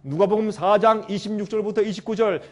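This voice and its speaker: A man preaching a sermon with emphasis, swinging between loud calls and quiet asides and putting questions to his listeners. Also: high voice, quick pace.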